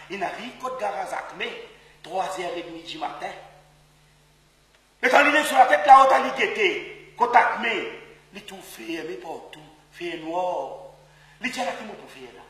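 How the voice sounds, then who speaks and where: A male comedian with a Mauritian accent performing a comic monologue in broken French mixed with Creole phrases, often laughing and breaking into shouts. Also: high voice, animated, normal speed, echoey room, far from the mic.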